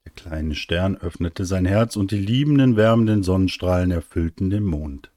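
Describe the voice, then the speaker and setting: A man with a deep, low voice reads a children's bedtime story in a gentle, soothing manner, letting phrases fade softly. The recording is close and dry with no room sound. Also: lively intonation, moderate pace, dry recording.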